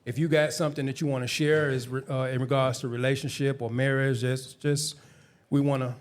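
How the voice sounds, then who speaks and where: A man's voice: mid-range voice, flat delivery, a little fast. Casual man opening a Q&A. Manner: casual, restarts mid-sentence. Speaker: co-host. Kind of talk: hosting a live Q&A.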